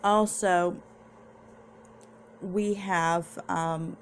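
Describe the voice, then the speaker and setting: A woman's voice: fairly low pitch, fairly even intonation, extremely slow, slight background noise. A young woman vlogger casually recapping and reviewing a TV episode, chatty and meandering, with restarts.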